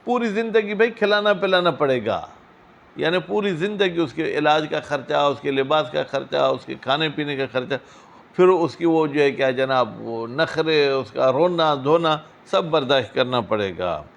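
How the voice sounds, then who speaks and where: A man teaching a seminary class, reading Arabic phrases slowly, then explaining them in quick, questioning asides to his students. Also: fairly high pitch, animated, creaky. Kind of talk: classroom lecture on a legal text.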